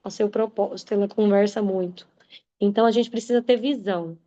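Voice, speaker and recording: A woman's voice: medium pitch, steady tone, fairly quick, warm tone. A woman giving an emphatic motivational talk in a preacherly way, speaking straight to her listeners. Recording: muffled lo-fi sound.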